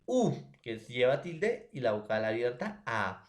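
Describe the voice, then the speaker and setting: A man's voice: mid-range voice, sing-song, unhurried. Peruvian man teaching a grammar lesson. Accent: Peruvian Spanish. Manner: addresses students as jóvenes, checks with ¿ya?. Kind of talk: recorded classroom lesson.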